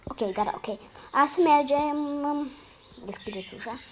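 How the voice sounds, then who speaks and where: A hoarse woman chats her way through a game, her voice sitting a little high. She drifts from mumbled asides to excited yelps, peppering her talk with slang. A faint hiss runs underneath. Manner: excitable, slangy, sudden loud outbursts and muttered asides. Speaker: gamer. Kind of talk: casual gameplay commentary.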